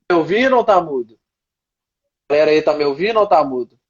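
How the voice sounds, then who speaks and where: A man with a high voice speaks in a casual, informal way over an online call. His audio is glitchy and keeps cutting out, and the line sounds dull, lo-fi and distant. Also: expressive, fast, husky. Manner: informal, checking if he is heard. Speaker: guest on a call. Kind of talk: casual chat. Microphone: online video call.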